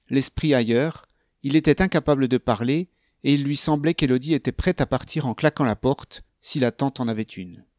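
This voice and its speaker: A man narrating an audiobook with a calm, even reading manner. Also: mid-range voice, no room sound, studio quality.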